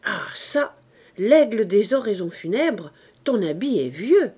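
A woman's voice: medium pitch, sing-song, slow, dark tone, slightly rough, exaggerated voice. A woman reading the part of a cynical drunken young man in an audiobook, ranting bitterly in a declamatory way. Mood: mocking.

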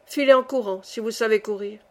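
A woman's voice: fairly high pitch, brisk, a little mellow, natural voice. A woman voicing a grand male angel who keeps a ledger, speaking formally and asking pointed questions. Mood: solemn.

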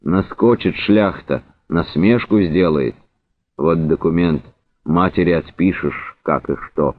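A man voicing a dying male soldier who speaks slowly and with flat resignation. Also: low voice, dry recording. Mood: grim. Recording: narrow phone-like sound.

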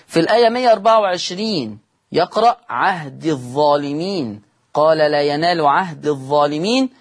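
A man's voice: fairly high pitch, breathy edge. A man with an Egyptian accent teaching Quran recitation rules in a televised lesson, repeating key points and asking his students questions he then answers himself. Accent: Egyptian Arabic. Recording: studio broadcast.

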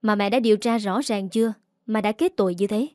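A woman's voice: mid-range voice, steady tone, brisk, darkish tone, no room sound, clean studio sound, natural voice. A woman voicing a stern young husband who questions coldly. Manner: cold, demanding.

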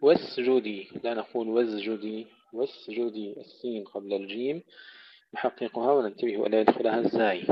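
A man teaching Quran recitation in a tajweed lesson, moving between slow melodic recitation of verses and brisk explanations of pronunciation rules. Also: medium pitch, slightly rough, lo-fi sound.

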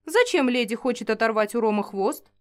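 A man's voice: extremely high pitch, lively intonation, fairly quick. A woman reading an audiobook, voicing an old male wizard who lives alone and talks with weary sighs. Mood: resigned. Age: older. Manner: sighing, resigned.

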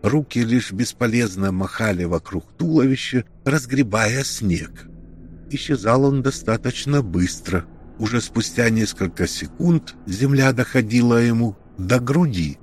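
A man narrating a tense story in a steady, measured read. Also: medium pitch, a little hiss or hum.

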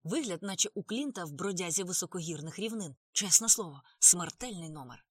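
A woman's voice: on the low side, expressive, fairly quick, slightly rough, dry recording, studio quality. A woman voicing a cheerful, chatty young Indian man who rambles enthusiastically. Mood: enthusiastic.

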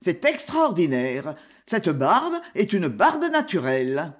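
Narrator doing a shrewd bossy detective from an old crime novel, slow and deliberate, lots of swing in the voice. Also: mid-range voice, very animated. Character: male detective, commanding and shrewd.

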